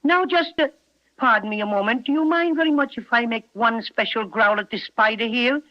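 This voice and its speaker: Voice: mid-range voice, a little fast, natural voice. An actor doing the Cinnamon Bear, an Irish teddy. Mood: playful. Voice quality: chatty, folksy, polite. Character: small cheerful male teddy bear with Irish brogue. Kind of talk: 1930s radio acting. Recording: dull old radio recording.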